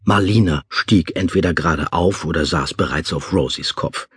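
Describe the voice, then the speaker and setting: Husky low-voiced male audiobook narrator. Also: a bit bright, no room sound, clean studio sound. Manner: measured, vivid storytelling.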